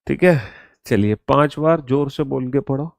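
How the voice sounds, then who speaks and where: A man teaching an online exam-prep reasoning class, dictating slowly to his students and repeating each instruction. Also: mid-range voice, creaky, dry recording.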